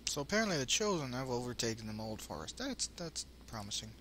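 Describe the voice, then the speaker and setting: A man's voice: medium pitch, sing-song, quick pace, pushed and bright. A man hosting a let's play with casual, wry commentary that rambles into asides. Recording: home commentary with faint noise.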